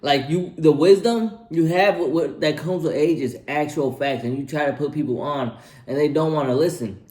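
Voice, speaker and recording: A man's voice: on the high side, moderate pace, darkish tone. A man in his twenties giving casual life advice in a slangy, laid-back way, repeating himself and tagging lines with "bro" while he eats. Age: 20s. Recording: echoey room.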